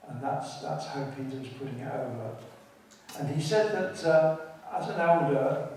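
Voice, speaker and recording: A man with an English accent giving a sermon in a large church, speaking in a measured way with frequent hesitations. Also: medium pitch, darkish tone, slight background noise. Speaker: lay preacher. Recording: echoey church from a distance.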